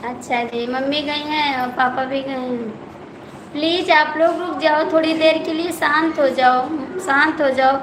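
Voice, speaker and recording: High-voiced woman pleading for calm. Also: a little slow. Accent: Awadhi. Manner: pleading, repeatedly calming viewers. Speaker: live stream host. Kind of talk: live stream chat. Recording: echoey room with background noise.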